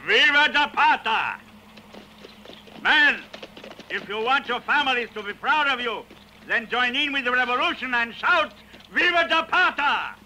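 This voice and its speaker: An actor dubbing a cunning Mexican army captain who gives orders in a cold, commanding way. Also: male voice, medium pitch, sing-song, normal speed, bright, forceful tone, a little hiss or hum, poor audio. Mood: rousing. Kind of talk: dubbed film acting.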